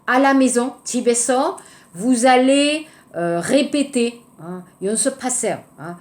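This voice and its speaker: A woman teaching a French class, speaking slowly and repetitively, mixing in Korean words and checking in with "d'accord?". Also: fairly high pitch. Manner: often tags phrases with "hein, d'accord?". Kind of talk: classroom lecture to Korean students.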